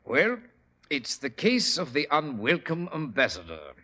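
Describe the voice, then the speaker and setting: Doctor Watson: cheery older gent, bright animated voice, 1940s radio drama. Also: male voice, on the high side, measured pace, full character voice. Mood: jovial. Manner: jovial, chuckling, hearty. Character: genial elderly Doctor Watson, chuckling storyteller.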